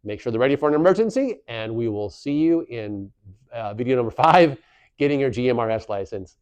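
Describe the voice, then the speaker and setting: A man in his forties, hosting a community how-to series, explains things in a plain, reassuring way like an informal teacher. His mid-range voice is expressive, smooth, darkish and a little fast. Recorded dry and somewhat dull on a lavalier at his collar in a small, plain indoor office.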